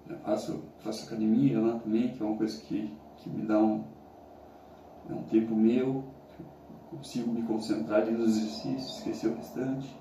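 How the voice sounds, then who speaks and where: A middle-aged man with a Brazilian accent talks casually and reflectively in halting phrases while sitting in ice cold water. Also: fairly low pitch, level tone, warm tone. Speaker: challenge vlogger. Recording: roomy, echoing, distant mic, faint noise.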